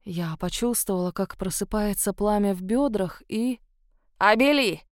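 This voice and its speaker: A woman reading a first-person story as an audiobook narrator, in a soft, intimate, confessional manner. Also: mid-range voice, moderate pace, no echo, studio quality.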